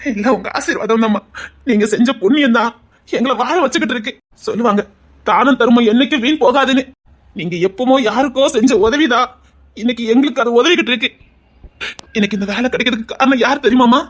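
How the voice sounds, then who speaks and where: A woman's voice: fairly high pitch, fast talker, close to an everyday voice. Woman doing tearful village policeman. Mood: grateful. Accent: Tirunelveli Tamil. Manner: tearful, earnest, affectionate. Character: village policeman husband, emotional and devoted.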